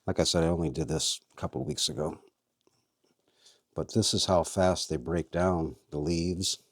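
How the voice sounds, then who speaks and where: A man's voice: low voice, normal speed, no echo, studio quality. A man hosting a casual how-to video, chatting as he works and talking to his worms. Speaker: vlog host and worm farmer.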